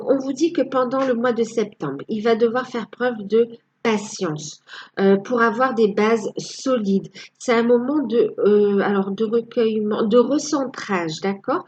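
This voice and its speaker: A woman's voice: fairly high pitch, a little mellow, muffled recording, a little hiss or hum. A woman giving a casual tarot reading to her viewers, hesitant and full of fillers. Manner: hesitant, many fillers, tags with "hein". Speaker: tarot card reader.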